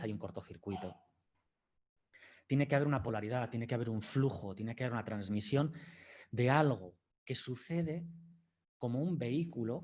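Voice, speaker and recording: In a university lecture, a man with a mid-range, darkish voice reflects on an episode, narrating it by acting out his exchanges with a student.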